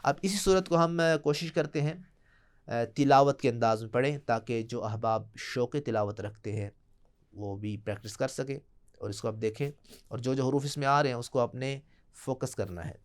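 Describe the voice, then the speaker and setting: A man gives a tajweed lesson, moving between chanted recitation and calm, patient explanation. His voice sits at a middle pitch and is strikingly clear and resonant throughout. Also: moderate pace. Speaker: Quran recitation teacher.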